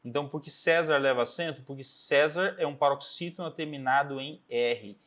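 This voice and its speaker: A man teaching a recorded grammar lesson, explaining step by step and often checking in with a quick "tá?". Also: fairly high pitch, a bit bright. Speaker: Portuguese teacher. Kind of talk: recorded exam-prep lesson.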